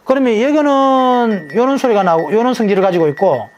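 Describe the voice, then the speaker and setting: A man's voice: very high voice, brisk, slight background noise. A man, a monk who gives naming advice, explains his ideas in an interview and often answers his own rhetorical questions. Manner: lecturing, asks rhetorical questions and answers them himself; drops into a casual, emphatic sentence ending.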